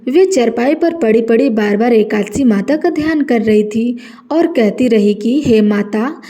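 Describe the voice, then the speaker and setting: A woman narrating a devotional story in a steady, earnest way. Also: fairly high pitch, measured pace.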